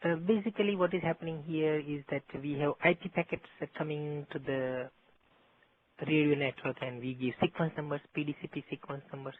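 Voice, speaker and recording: A man's voice: a little high, steady tone, a little fast. A man giving a methodical technical lecture, heard over a landline phone as an instructor explaining step by step. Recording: tinny landline phone line.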